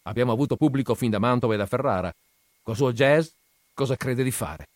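A man voicing a pompous, quick-tempered wine magnate who bursts into shouted dialect insults. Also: mid-range voice, no room sound, studio quality, lightly acted. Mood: condescending. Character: irate pompous male wine magnate, middle-aged.

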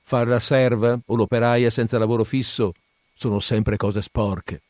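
A man's voice: mid-range voice, steady tone, unhurried, no room sound, studio quality, lightly acted. A man reading aloud, voicing a wary young woman from a harbor tavern who speaks hesitantly and guardedly. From from Perpignan (figure). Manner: hesitant, quiet, guarded questioning.

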